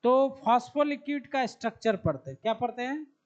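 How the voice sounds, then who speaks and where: A man lectures a biology class at a moderate pace, his voice animated and extremely high in pitch, with a Bihari Hindi accent. Questions to the students get answered by him, and key terms are repeated as he writes them down. The recording is a dull, lo-fi classroom capture.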